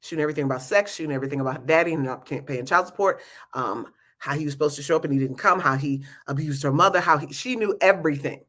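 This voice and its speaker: Bright-voiced woman speaking with a retainer in. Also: low voice, quick pace. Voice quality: slightly slurred speech from wearing a retainer. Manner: emphatic, candid, conversational. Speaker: youth peer group leader and speaker. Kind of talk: informal talk to an audience about a program.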